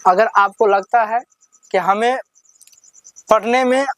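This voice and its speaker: Drilling word lists at a slow pace, this teacher leads a Hindi reading lesson and unpacks each sentence in simple everyday talk. The voice is medium-pitched and a bit bright, captured in a dry recording with poor audio.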